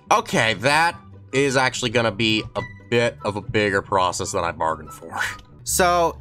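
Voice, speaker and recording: A man chatting through a gameplay session, thinking out loud and poking fun at himself. His voice sits in a middle pitch but swings up and down a lot. Faint music plays underneath. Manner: thinking aloud, self-deprecating, rambling. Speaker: gaming video host. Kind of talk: casual gameplay commentary.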